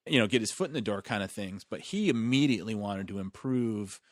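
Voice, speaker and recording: A man co-hosts a casual film podcast and talks in a loose, rambling way, full of enthusiasm. His voice sits fairly low. The recording is dry and close, with no room sound. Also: expressive, fairly quick, no room sound. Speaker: podcast co-host. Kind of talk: casual chat about films.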